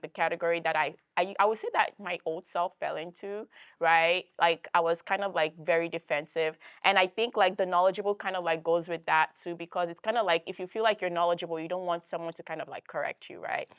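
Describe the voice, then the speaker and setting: A woman's voice: on the low side, fairly bright tone, smooth, no room sound, studio quality. A young woman giving a casual church workshop talk, chatty, full of fillers and tag questions. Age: young adult.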